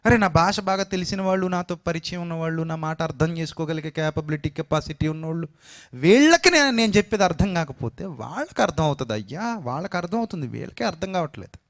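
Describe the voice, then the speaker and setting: A male pastor delivers an emotional sermon. His voice sits a little high for a man. He builds his points through repeated phrases, shifting between hushed, soft stretches and loud, raised ones. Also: quick pace, hardly any pauses. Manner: emotional preaching with repeated phrases and swings in loudness.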